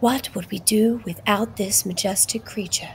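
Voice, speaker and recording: A woman narrating in a mock nature documentary style, hushed and often whispering, solemn and dramatic. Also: mid-range voice, normal speed, gravelly, slight background noise.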